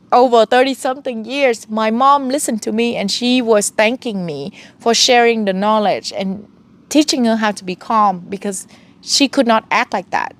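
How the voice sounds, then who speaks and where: Woman in her 30s doing a spiritual advice vlog, earnest, kinda high voice, talks right at you. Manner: earnest, advising, talks straight to the viewer. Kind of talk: casual spiritual advice monologue.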